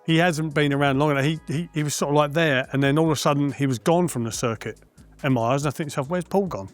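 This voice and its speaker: A man's voice: fairly high pitch, quick pace, soft background music. A man talking as a darts guest in a casual panel discussion, frank and friendly, with plenty of "um" and "listen". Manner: frank and friendly, with many fillers and hedges. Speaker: darts guest and former player.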